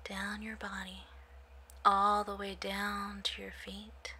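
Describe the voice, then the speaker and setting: A woman whispering a hypnosis induction in a slow, soothing, repetitive way. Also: mid-range voice, pushed and bright, a little hiss or hum.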